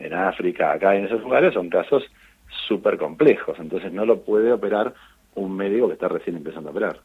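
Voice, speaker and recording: A middle-aged Argentine man, an eye surgeon, telling stories in a relaxed interview, with lots of fillers and restarts. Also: low voice, slightly rough. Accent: Argentine Spanish. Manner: animated storytelling with frequent fillers and restarts. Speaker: eye surgeon on charity missions. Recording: tinny phone-line sound.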